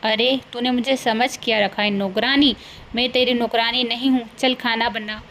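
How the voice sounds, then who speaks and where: A woman's voice: fairly high pitch, steady tone, normal speed, a bit bright, slight background noise. A woman voicing a scolding, greedy older village mother-in-law in a cartoon, bossy and scornful. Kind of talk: cartoon voice acting.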